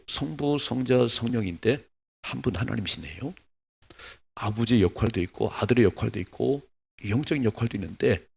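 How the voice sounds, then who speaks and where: A middle-aged male pastor preaching a sermon in a conversational style, with acted asides and rhetorical questions that climb in pitch. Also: creaky, darkish tone, slightly rough.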